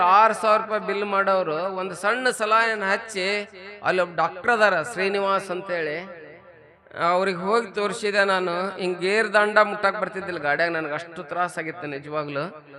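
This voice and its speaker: A man, a monk with a North Karnataka accent, telling a religious story as a sermon, asking the audience lively rhetorical questions. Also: high voice. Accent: North Karnataka Kannada. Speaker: monk giving a religious discourse. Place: religious gathering with a live audience.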